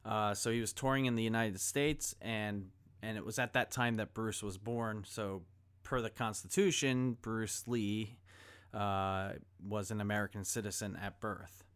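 A man's voice: fairly low pitch, fairly even intonation, a little slow, a bit bright, clean tone. A man preaching a sermon, reading scripture and then retelling a film scene in a conversational way. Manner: conversational storytelling, acts out quoted dialogue. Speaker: pastor.

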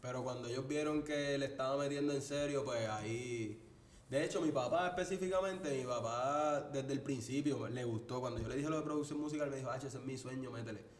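A man, a music producer guesting on a podcast, relaxed and laughing easily. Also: brisk, far from the mic. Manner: relaxed, laughing, repetitive fillers. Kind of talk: casual chat. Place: podcast studio. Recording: echoey room, off-mic, faint rumble.

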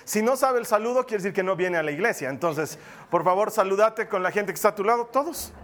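A man preaching as pastor of a church, lively and joking with his congregation. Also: sits high, fast. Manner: lively, jokey preaching with acted asides. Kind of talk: sermon.

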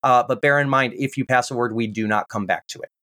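A man's voice: medium pitch, sharp tone. Wry American man hosting a game show. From United States. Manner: brisk, wry announcer patter.

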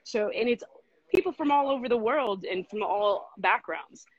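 A woman guest talking casually in an interview, relaxed and chatty with plenty of fillers. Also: on the high side, normal speed, husky, no room sound, dull audio. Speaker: podcast co-host and guest.

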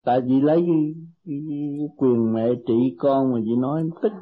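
A man, a meditation teacher counseling a disciple, gentle and teasing, speaking in short maxims. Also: mid-range voice, normal speed. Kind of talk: spiritual counseling. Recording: tinny lo-fi tape.

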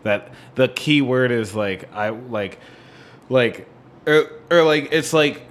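A male podcast co-host with a medium-pitched voice speaks slowly in a casual, analytical music discussion, meandering informally and often checking whether others agree. Faint room noise is audible in the background.

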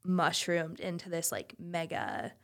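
A woman's voice: on the low side, animated, a little slow, gravelly. Chatty young woman, lots of "like". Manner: heavy use of "like", chatty and candid. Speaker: podcast guest, former college swimmer. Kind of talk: casual chat.

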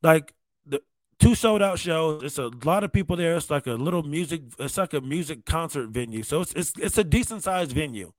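A man's voice: on the high side, lively intonation, brisk, no echo. A male stand-up comedian telling stories in a loose, conversational way, often saying "man" and "like". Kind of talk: casual storytelling monologue.

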